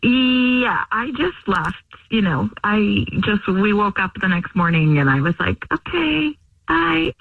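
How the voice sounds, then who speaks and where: A young woman phones in to a radio show, speaking at a measured pace with hardly any pauses in a medium-pitched voice. She rambles chattily with lots of fillers, and the dry recording sounds like a far-off phone line.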